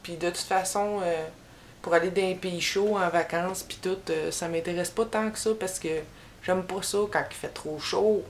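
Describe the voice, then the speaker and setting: With a steady tone and a fairly low voice, a young Québécois woman chats casually through a tag video, drifting along with many filler pauses. There's a slight hiss or hum. She's from Quebec, seated in a small room with a bookshelf behind, shot head-and-shoulders by a camera in front.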